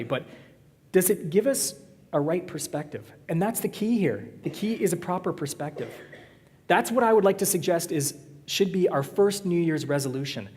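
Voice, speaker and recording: A man preaches in a church, easygoing and quick to joke with his congregation. His voice sits a little high for a man. A long reverb from the sanctuary trails each phrase. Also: darkish tone. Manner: conversational, joking with the congregation. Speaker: pastor. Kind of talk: sermon.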